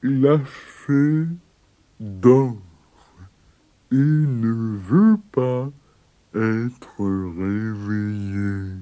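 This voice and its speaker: A man voicing a slow, drowsy giant slug who drags out every word. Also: lowish voice, warm tone. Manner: drawn-out, sluggish speech.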